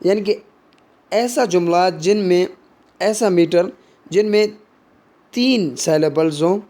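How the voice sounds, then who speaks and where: Slow, high-voiced Hindi-speaking male tutor. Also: mellow. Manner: mixes Hindi explanation with slow English read-outs, frequent fillers. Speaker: teacher. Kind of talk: explaining literary terms, reading English examples slowly.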